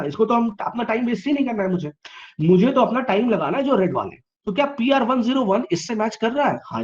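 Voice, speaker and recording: High-voiced man teaching online. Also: lo-fi sound. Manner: asks questions and answers them himself; teasing, pushes students to reply fast. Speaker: online tutor. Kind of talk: live online class.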